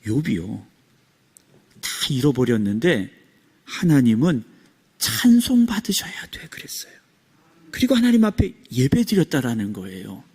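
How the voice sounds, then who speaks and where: A man preaching a sermon as senior pastor, asking the congregation questions, acting out quoted lines and swinging between loud rising exclamations and hushed whispers. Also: fairly high pitch, slightly rough. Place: church sanctuary. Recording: long church reverb.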